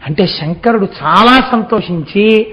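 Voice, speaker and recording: A man's voice: high-pitched, unhurried. A man giving a devotional storytelling sermon, explaining patiently and asking rhetorical questions. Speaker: spiritual discourse speaker. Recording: dull lo-fi recording.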